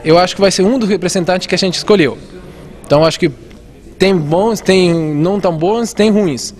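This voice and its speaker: A man's voice: high voice, moderate pace, darkish tone. A man raised in Argentina, explaining civic oversight earnestly as an interview guest. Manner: earnest, explanatory, with many restarts and fillers. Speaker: civic watchdog representative. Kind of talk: interview answers.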